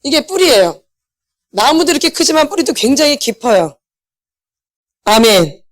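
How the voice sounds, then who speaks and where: A woman's voice: high-pitched, big pitch swings, a little fast, no room sound, studio quality. A middle-aged woman, a pastor's wife, giving a church healing lecture, asking her listeners questions and repeating the key words back to them. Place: church hall.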